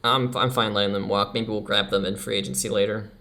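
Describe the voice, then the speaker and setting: A man's voice: fairly low pitch, fairly even intonation, fast, bright, forceful tone. A young man casually commenting over his baseball management game, chatty and laughing at himself now and then. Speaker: let's play commentator.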